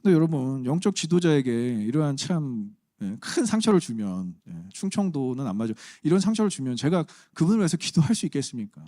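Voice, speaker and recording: A man's voice: mid-range voice, sing-song, a little fast, few pauses, dark tone, no room sound, studio quality. A man preaching a sermon as pastor, conversational and humorous with emphatic turns. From Chungcheong region, Korea.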